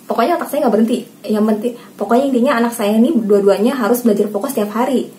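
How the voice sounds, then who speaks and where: A woman in her thirties speaks casually to camera as a parenting vlogger, with a somewhat high voice. She talks straight to her viewers and sometimes acts out how she speaks to her child. Faint background noise sits under the recording. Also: racing, mellow. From Indonesia. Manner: chatty, addresses viewers as Mams, acts out talking to her child.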